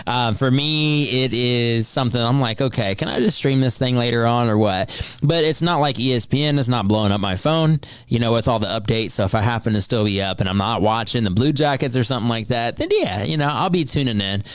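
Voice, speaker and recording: A man's voice: mid-range voice, fairly quick, clear, resonant tone, dry recording. A man in his late twenties co-hosting a sports podcast, joking and rambling in casual chat. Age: 20s. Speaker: podcast co-host.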